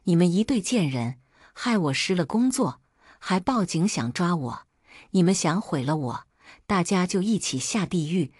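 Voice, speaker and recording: A woman's voice: lowish voice, lively intonation, moderate pace, darkish tone, slightly rough, dry recording, studio quality. Woman voicing a raging abusive husband. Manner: snarling insults, accusing. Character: enraged abusive husband, man, vicious.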